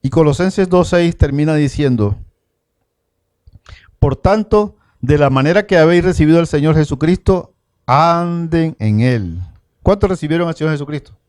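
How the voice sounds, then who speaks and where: Colombian pastor preaching in call-and-response. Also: male voice, fairly high pitch, a little mellow. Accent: Colombian Spanish. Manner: calls the congregation to repeat declarations after him; builds emphatic repeated lists, slowing for weight. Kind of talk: sermon.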